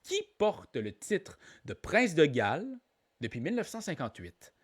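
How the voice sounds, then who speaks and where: Lively Québécois man hosting trivia. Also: fairly high pitch, measured pace, slightly rough. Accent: Québécois French. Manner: playful, jokey, repeats each question aloud. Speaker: trivia quiz host. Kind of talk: live online trivia hosting.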